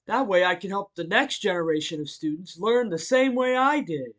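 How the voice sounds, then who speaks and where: In an audio roleplay, a man plays a grown martial-arts hero who is a bookish, friendly teacher, politely addressing the listener with hesitant pauses between phrases. His voice sits high for a man, a bit bright and expressive, swinging animatedly up and down in a modest, friendly mood.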